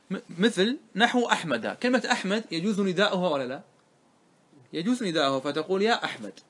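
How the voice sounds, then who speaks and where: A man's voice: high-pitched, fairly bright tone. Man teaching a grammar lesson. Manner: asks the students questions and answers them himself; slows down to quote the verse. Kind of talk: explaining a grammar poem line by line.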